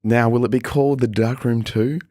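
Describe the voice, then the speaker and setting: A man's voice: mid-range voice, fairly even intonation, fairly quick, mellow, no echo, clean studio sound. A man hosting a podcast interview, joking playfully and laughing often. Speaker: podcast host. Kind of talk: casual interview chat.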